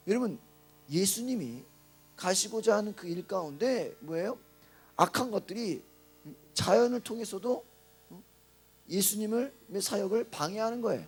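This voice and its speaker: Male pastor, high and husky, early-morning sermon, keeps prompting listeners with rhetorical questions. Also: a little mellow. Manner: asks the congregation rhetorical questions.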